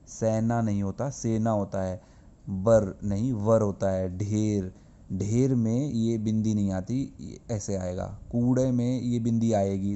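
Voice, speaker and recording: A man's voice: fairly low pitch, mellow, highs cut off. A male school teacher giving a grammar lesson, explaining patiently and asking and answering his own questions. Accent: Hindi-speaking north Indian.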